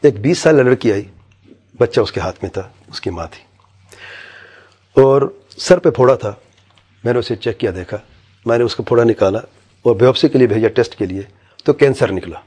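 A man's voice: medium pitch, expressive, long pauses, a little mellow, slightly rough. A man preaching a religious talk, vividly retelling anecdotes and quoting each person in them. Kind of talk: religious talk with told stories.

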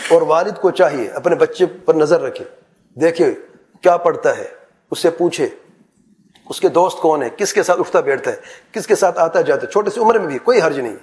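Earnest preacher man with raised pitch. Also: darkish tone. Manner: earnest advising, rhetorical questions, repetitive lists. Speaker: Islamic preacher. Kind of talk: sermon answering a question.

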